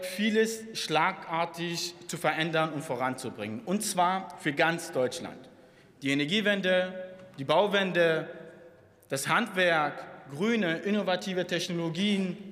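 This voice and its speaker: Speaking slowly in a high-pitched, fairly bright voice, this young MP from Saxony, eastern Germany, gives a fiery, confrontational address from a lectern microphone. The large parliament chamber echoes, with the audience murmuring in the background.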